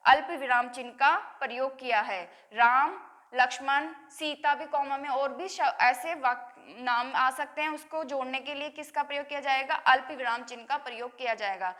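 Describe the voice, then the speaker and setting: A woman teacher runs a grammar lesson for her students. She poses questions and answers them herself in a bright, high, sharp voice. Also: moderate pace. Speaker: school teacher.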